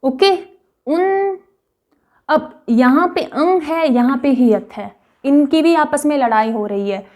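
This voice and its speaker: High-pitched woman teaching Korean patiently. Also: a little mellow. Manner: patient, repeats practice words slowly, frequent "okay". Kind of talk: explanatory online lesson.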